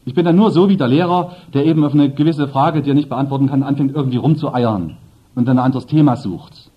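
A man preaches a sermon emphatically, turning to the congregation with asides, his medium-pitched voice quick and tinged with breathiness. The recording of the sermon is dull and lo-fi.

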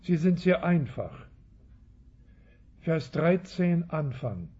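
His voice is fairly high, mellow and husky, very animated but slow, with dull audio. As a Bible teacher giving an expository sermon, he often tags sentences with "ja" and makes self-corrections.

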